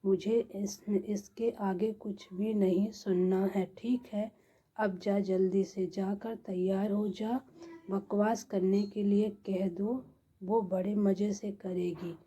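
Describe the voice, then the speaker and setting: A bossy, impatient mother in a storybook tale, as a woman narrator puts her on, scolding and ordering. The voice is dark and breathy with a flat slow delivery. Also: mid-range voice.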